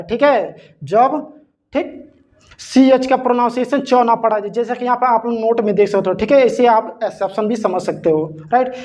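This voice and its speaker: A man's voice: very high voice, a little mellow. A man teaching an English grammar lesson, asking rhetorical questions and spelling words out letter by letter. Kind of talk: classroom-style grammar lesson.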